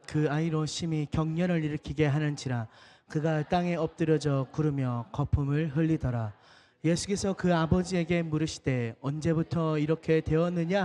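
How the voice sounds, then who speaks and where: Male reader of scripture, mellow and somewhat high, steady delivery. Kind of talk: scripture reading.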